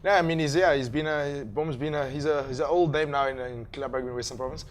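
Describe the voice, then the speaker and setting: A man giving relaxed studio comment on rugby. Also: medium pitch, quick pace, a little hiss or hum.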